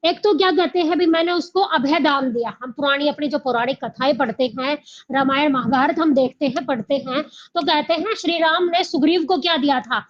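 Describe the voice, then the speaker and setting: Casting note: a high-pitched woman teacher, questions and answers her own points, captured on a dull lo-fi recording. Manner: asks the class questions and answers them herself; repeats key words slowly. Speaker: Hindi teacher. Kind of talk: exam coaching lecture.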